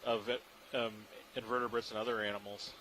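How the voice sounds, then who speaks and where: A man giving live, unscripted commentary as a scientist on a deep-sea dive, marveling and musing as he goes. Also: flat delivery, a little fast, bright, forceful tone. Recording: clearly noisy live control-room audio feed.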